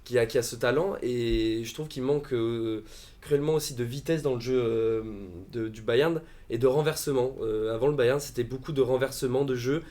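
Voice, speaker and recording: Male football pundit, mid-pitched, halting delivery full of "euh", live-stream chat. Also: mellow. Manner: hesitant, many fillers and restarts. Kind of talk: casual live-stream discussion.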